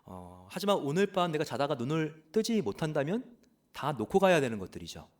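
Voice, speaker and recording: A man preaching a sermon as pastor, earnest, pausing often with "uh" and asking rhetorical questions. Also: on the high side, sing-song. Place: church.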